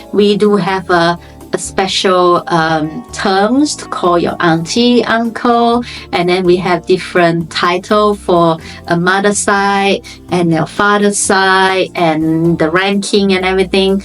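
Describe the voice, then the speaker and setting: A woman in her thirties from Malaysia with a Malaysian English accent, chatting informally to camera in a vlog with loose grammar. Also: medium pitch. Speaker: vlogger. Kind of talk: casual chat to camera.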